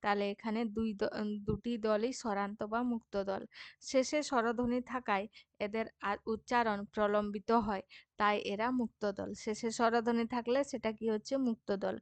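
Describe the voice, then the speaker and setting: A woman with a somewhat high voice teaches a school grammar lesson. She explains patiently, repeats each example and checks that the class is following. The sound is close and dry, with no room echo. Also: fairly even intonation, normal speed.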